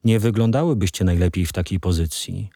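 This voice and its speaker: A man playing an icy, calm older grandmother. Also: sits low, a little slow, no room sound, clean studio sound. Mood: menacing. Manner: calm, patient and menacing.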